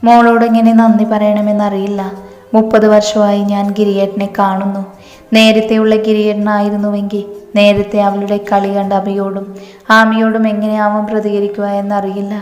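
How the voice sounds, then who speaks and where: A woman voicing a gentle, tearful mother in a reverberant room. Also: mid-range voice, monotone, moderate pace, natural voice. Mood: tender, sad. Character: loving middle-aged mother, tearful and gentle. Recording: echoey room with long reverb.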